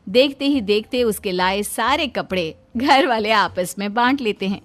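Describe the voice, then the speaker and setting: Expressive woman narrating a story. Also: medium pitch, normal speed.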